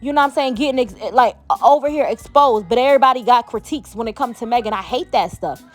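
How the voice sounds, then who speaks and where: A woman's voice: on the high side, quick pace, soft background music. A woman vlogger in a heated, profane commentary rant, talking emphatically.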